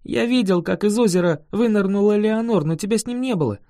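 A curious young hero who asks quick, wry questions as an audiobook reader plays him. His voice sits above the reader's own pitch and sounds close and dry. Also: mellow, no room sound, natural voice.

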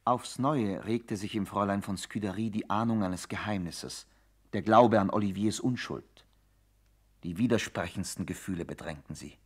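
Narrator for radio drama: man, lowish voice, formal dramatic storytelling with expressive suspense. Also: moderate pace, breathy edge.

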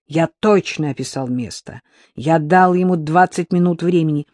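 A man's voice: on the high side, moderate pace, a little mellow, no echo, studio quality, close to an everyday voice. A man reading the part of a nervous, resentful young henchman who answers curtly. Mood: angry tense. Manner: curt, resentful. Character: nervous young male henchman, angry and cornered.

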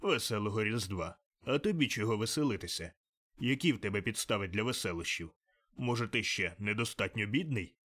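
A man's voice: fairly low pitch, animated, a little fast, fairly bright tone. Man reading as a grumbling old miser. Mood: grumbling, curt. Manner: grumbling, curt.

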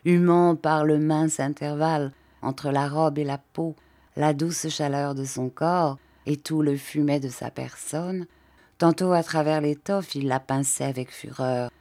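Low, slow woman reading a story. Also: dark tone. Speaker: reader. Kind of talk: literary audiobook narration.

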